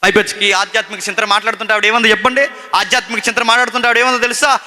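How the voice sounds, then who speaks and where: A man's voice: high voice, level tone, rapid-fire. Fervent male preacher in a hall. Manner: emphatic preaching with rhetorical questions, swinging from loud to hushed. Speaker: pastor. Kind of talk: sermon.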